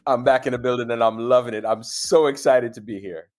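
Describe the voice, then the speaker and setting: Man, podcast co-host, animated and excitable casual chat, medium pitch. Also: brisk.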